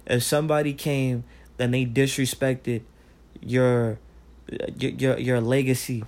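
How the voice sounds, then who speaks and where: A man's voice: mid-range voice, little pitch movement, a little slow, darkish tone. Man ranting casually, profane and rambling. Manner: profane, rambling, heated, repeats "like". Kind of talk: casual rant.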